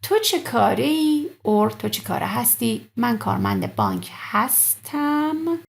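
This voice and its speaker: A woman teaching grammar in a patient, step-by-step way, often pausing to ask "okay?". Her voice sits a little high, with a strong gravelly fry running through it. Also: sing-song. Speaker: Persian language teacher. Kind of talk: explaining grammar, mixing English and Persian.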